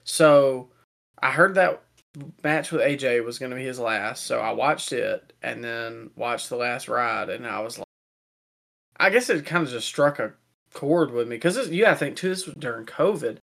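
A young man co-hosting a wrestling podcast in casual chat, relaxed and chatty, laughing now and then. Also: mid-range voice, moderate pace, vocal fry. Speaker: podcast co-host.

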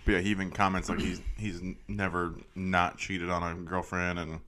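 A man with a notably low, deep voice co-hosting a casual movie podcast. He sounds laid-back and drops in jokes as he chats. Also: flat delivery, normal speed, bright, forceful tone. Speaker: podcast co-host.

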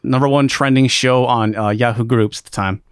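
A man's voice: medium pitch, fairly even intonation, moderate pace, clear, resonant tone, no echo, clean studio sound. A man co-hosting a live stream, chatting casually in rambling, joking rants full of fillers. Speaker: stream co-host. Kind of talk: casual chat.

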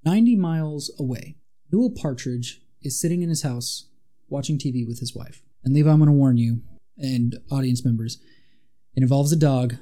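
A man's voice: mid-range voice, moderate pace, dark tone. A man co-hosting a podcast, casually retelling a monster legend with dramatic asides. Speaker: podcast co-host. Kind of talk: casual storytelling chat.

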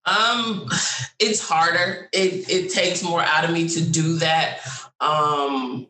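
A woman's voice: low-pitched, steady tone, takes it slowly, sharp tone. A woman guest author giving casual, informal, easygoing answers in an interview over a video call. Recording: roomy, distant video-call audio, faint noise.

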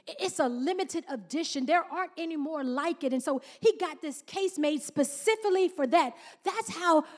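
Lady pastor preaching, real high voice, drags out the big words, lots of come on y'all. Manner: preaching with call-and-response, drawn-out emphasis. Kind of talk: sermon.

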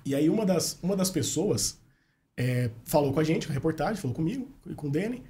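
A man tells stories in a relaxed podcast chat, voicing the people he quotes. His voice sits a little high for a man. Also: brisk. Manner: animated storyteller, acts out quoted dialogue. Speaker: journalist and radio host, podcast guest.

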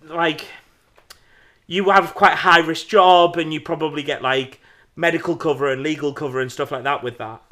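A man's voice: on the high side, steady tone, normal speed, bright, forceful tone. A man co-hosting a podcast, chatting casually in a self-deprecating, giggly way. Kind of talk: casual banter.

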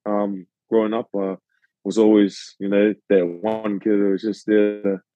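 Guest interviewee: New Zealand man, 20s, low mellow voice, halting and humble delivery, dull dry lo-fi sound. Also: level tone, dry recording. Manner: hesitant, many fillers, modest. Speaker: rugby league player, guest. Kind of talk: casual podcast interview.

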